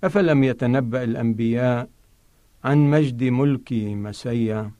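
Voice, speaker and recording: A man's voice: mid-range voice, moderate pace, dark tone, no echo. Dry-sounding man in solemn religious narration. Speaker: pastor presenting a radio Bible programme. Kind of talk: scripted religious narration and scripture reading.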